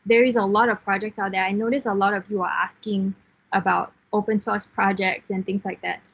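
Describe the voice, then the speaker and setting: A Singaporean woman in her thirties, a software engineer team lead, appears as a guest speaker in an online class, giving frank, encouraging career advice with fillers and restarts. Her mid-range voice is level in tone, brisk, creaky, and husky. The audio has its highs cut off.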